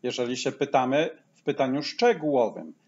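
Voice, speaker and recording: A man teaching a language lesson, patiently explaining and saying each example phrase slowly twice. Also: mid-range voice, animated, a little mellow, lo-fi sound. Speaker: English teacher.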